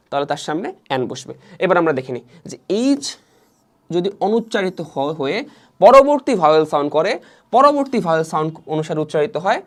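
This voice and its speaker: Fast-talking male tutor drilling students. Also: high-pitched. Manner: fast, repetitive, asks the students questions and answers them himself. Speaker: English teacher. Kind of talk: online lesson explaining grammar.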